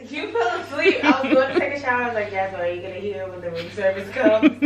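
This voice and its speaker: A woman's voice: a little high, lively intonation, moderate pace, far from the mic, over a noisy crowd. A young woman telling a friend a funny story, playful and laughing through it. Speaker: travel companion. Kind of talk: casual chat with a friend. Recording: loud noise, roomy, off-mic.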